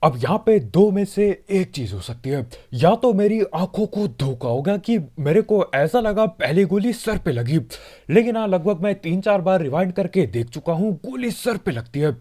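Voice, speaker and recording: Lively, mellow-voiced gaming commentator man. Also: high voice, normal speed, hardly any pauses. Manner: joking, chatty, talks straight to viewers. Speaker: gaming channel host. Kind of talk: casual gameplay commentary voice-over.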